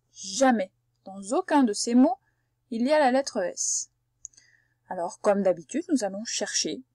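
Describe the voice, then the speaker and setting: A woman leads a reading lesson for young children, speaking slowly and sounding out words one syllable at a time. She talks straight to the child in a patient way. Her voice sits a little high, and the recording is dry and close. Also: darkish tone, no room sound. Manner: addresses the child directly as tu. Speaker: primary school teacher.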